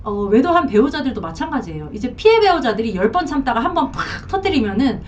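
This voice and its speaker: A frank, emphatic woman counselor whose fairly high voice swings up and down as she makes her points. She sounds a little far from the mic. The recording is dull and lo-fi, with a faint rumble underneath. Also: big pitch swings, quick pace. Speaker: marriage counselor. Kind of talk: advice talk to camera.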